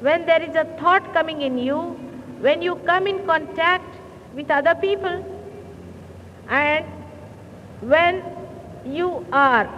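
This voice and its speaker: Slow, high-voiced woman on an old hall recording. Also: fairly bright tone. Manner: slow, deliberate, clears throat often. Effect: old 1970s hall recording. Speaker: spiritual teacher. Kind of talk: sermon. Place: large hall. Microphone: speaking into a hall microphone. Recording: old muffled hall recording with faint hiss.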